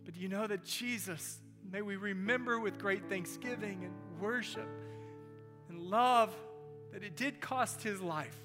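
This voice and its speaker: A man's voice: sits high, unhurried. A man preaching a sermon as pastor, speaking with passion and building to emphatic declarations. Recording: long hall reverb with faint music.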